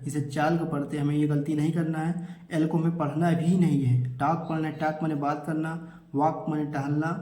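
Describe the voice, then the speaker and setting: Guy teaching kids english rules, keeps repeating himself, asks then answers, kinda high but mellow voice. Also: reverberant. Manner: repetitive, drills rules, asks and answers his own questions. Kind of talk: classroom-style lesson.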